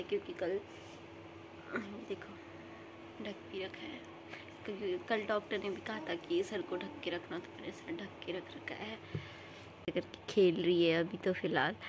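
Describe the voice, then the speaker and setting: Tired, flat-voiced woman with a cold. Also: noisy background. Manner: soft, tired and low-key. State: sick with a cold. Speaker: vlogger. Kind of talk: casual vlog talk to camera. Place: at home indoors.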